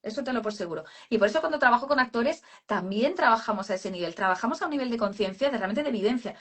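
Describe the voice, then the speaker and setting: A woman's voice: fairly high pitch, lively intonation, fast, a bit bright, slightly rough. A woman speech therapist explaining voice work in a casual live chat, calling people "cariño". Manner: explanatory, addresses listener as cariño.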